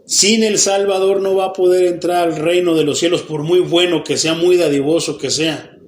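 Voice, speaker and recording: Speaking at a normal speed in a high-sitting voice, a Mexican pastor gives a Bible study sermon in a church hall with a Mexican Spanish accent. He often questions the congregation and supplies the answers himself, dramatizing those he quotes and even mock babbling.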